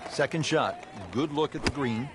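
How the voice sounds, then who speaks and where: A man's voice: mid-range voice, normal speed. A man giving play-by-play golf commentary as a broadcast announcer. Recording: music and crowd noise behind.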